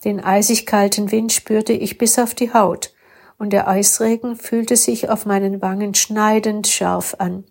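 A woman reading a first-person story aloud with calm, steady narration. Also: medium pitch, a little slow, vocal fry, breathy edge. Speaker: story reader.

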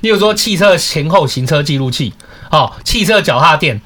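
A man's voice: fairly high pitch, normal speed. A man hosting a podcast, chatting casually and acting out conversations as he tells a story. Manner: animated, quoting people in dialogue. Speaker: podcast host.

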